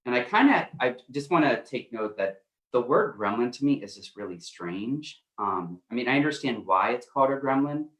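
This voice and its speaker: A man's voice: medium pitch, big pitch swings, normal speed, a bit bright. A man co-hosting a coaching livestream, chatting casually and rambling with plenty of fillers. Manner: rambling, loose, lots of fillers. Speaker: co-host, life coach. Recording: roomy echo.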